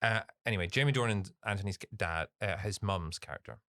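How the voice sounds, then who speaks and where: A man co-hosting a podcast, chatting casually about a film in an animated, rambling way. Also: fairly low pitch, fast talker, no room sound, studio quality. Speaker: podcast co-host. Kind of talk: casual film review chat.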